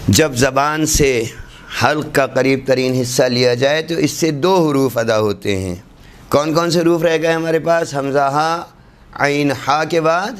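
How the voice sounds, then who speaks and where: A man giving a classroom lesson on Quran recitation, demonstrating letter sounds slowly and repeating them for students. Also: mid-range voice, a little hiss or hum.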